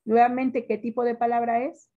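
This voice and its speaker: A woman's voice: fairly high pitch, level tone, phone-quality sound. Mexican woman teacher drilling her class. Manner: stretches words out slowly and quizzes the class. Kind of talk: classroom lesson.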